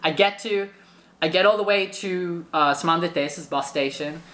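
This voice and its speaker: A man telling a travel story in casual chat, animated and full of filler words. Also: a little high, normal speed, roomy sound. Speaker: guest storyteller.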